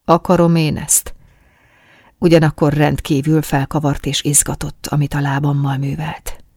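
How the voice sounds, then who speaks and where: Breathy, intimate woman narrator. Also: sits low, a little mellow, no room sound, clean studio sound. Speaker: audiobook narrator. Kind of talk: first-person scripted narration of an erotic story.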